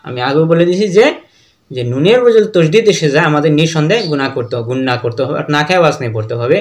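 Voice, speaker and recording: A man with a Bangladeshi Bengali accent and an expressive, rather high voice teaches Quran reading. He drills slowly, spelling words out letter by letter, and chants the verses in sung recitation.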